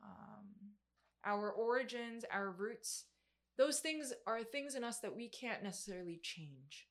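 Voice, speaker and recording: Her pitch fairly high and her intonation lively, a mid-twenties woman preaches at a measured pace. The sermon, a conversational Bible exposition for a group, is informal, emphatic and slangy in a youthful way.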